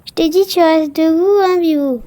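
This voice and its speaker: A woman's voice: very high-pitched, normal speed, dark tone, dry recording. A woman casually commenting on a game she plays for viewers, chatty and full of exclamations and filler words. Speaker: gaming vlogger.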